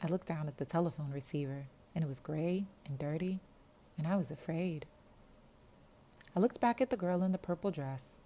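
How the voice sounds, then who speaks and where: A woman reading a novel aloud with steady, expressive storytelling. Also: low-pitched, moderate pace, slight background noise. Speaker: audiobook reader. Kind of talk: audiobook narration.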